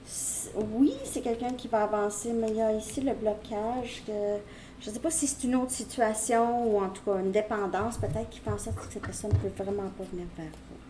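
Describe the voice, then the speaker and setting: Mellow woman reading tarot. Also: mid-range voice, fairly even intonation, normal speed, a little hiss or hum. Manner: rambling, talks straight to the viewer. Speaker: tarot reader. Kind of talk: casual tarot reading to camera.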